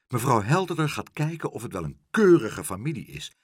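Calm, persuasive storybook doctor, read by a man, husky and dry. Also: mid-range voice, a little fast, no echo. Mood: brisk. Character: kindly, calm, clever male doctor.

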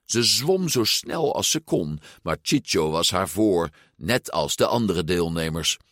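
A man reading a children's story aloud, slow and animated, giving each character a voice. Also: low-pitched, dry recording, clean studio sound. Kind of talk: storybook read-aloud narration.

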